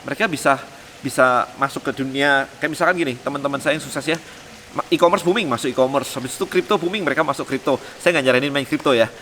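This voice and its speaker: Guy doing a motivational vlog, talks super fast, kinda high voice, mixes in english, long echo in the room. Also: slight background noise. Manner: lively, sprinkles English words into talk. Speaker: vlog host and business coach. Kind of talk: casual motivational vlog talk. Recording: roomy long reverb with faint ambience.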